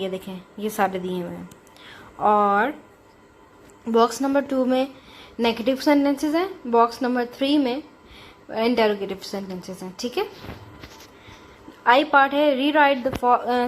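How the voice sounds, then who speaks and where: A woman teacher explaining grammar exercises in Hindi-Urdu and reading sentences aloud slowly and clearly. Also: fairly high pitch, slight background noise. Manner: mixes Hindi-Urdu explanation with slow English dictation. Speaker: English teacher. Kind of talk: classroom lesson walkthrough.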